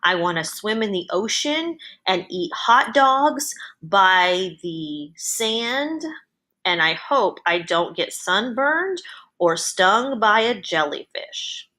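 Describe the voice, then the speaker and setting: A woman dictating text deliberately for voice typing, phrase by phrase in measured sentences. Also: medium pitch, sing-song, sharp tone. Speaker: educator giving a software tutorial. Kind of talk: dictating to voice typing, measured, with punctuation spoken aloud.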